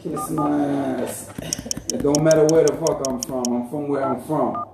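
A man's voice: fairly high pitch, fairly even intonation, brisk. Casual podcast co-host, male, crude joker, echoey distant recording with room noise. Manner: profane, joking, slangy. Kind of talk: casual banter.

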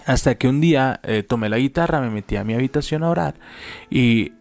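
Gravelly-voiced man giving a motivational talk. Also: medium pitch, brisk, faint music behind. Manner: speaks with repetition and emphasis, tells personal stories. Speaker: co-host of a faith talk show.

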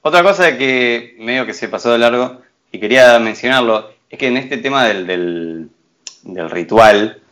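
Speaking a little slowly in a mid-range voice, a young Rioplatense Spanish-speaking co-host mocks a film in casual review chat, animated and full of slang.

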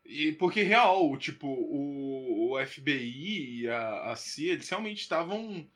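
Bright-voiced sarcastic man. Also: medium pitch, animated, slow pace. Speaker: podcast co-host. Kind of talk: casual political chat.

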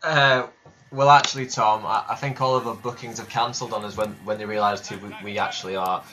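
A man's voice: on the low side, steady tone, fairly quick, sharp tone, a little hiss or hum, rough recording. A man interviewing at a football club, talking in a hesitant, stammering way.

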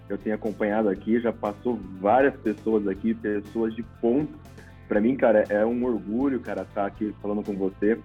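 A man's voice: lowish voice, muffled recording. A Brazilian man, a podcast guest, explaining things in a casual, informal way and often adding tag questions. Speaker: podcast guest, paid traffic manager.

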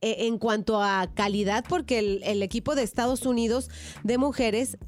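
A woman chats casually about sport as a radio co-host. Her voice is high in pitch. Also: steady tone, moderate pace, a little mellow.

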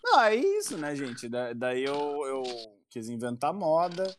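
A man's voice: on the high side, wildly swooping pitch, unhurried, slight background noise. A young man telling a story in casual chat, rambling with stammers, fillers and swearing. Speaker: co-host telling his story.

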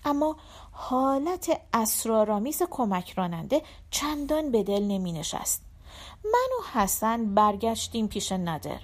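A woman reading a short story aloud as an audiobook narrator, in a measured, even manner. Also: a little high.

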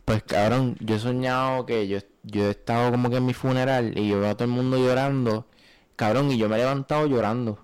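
A man's voice: mid-range voice, steady tone, fairly quick, darkish tone, smooth. A young man, co-hosting a casual podcast chat, peppering his stories with swearing. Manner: swears often, shares dreams loosely. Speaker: podcast co-host.

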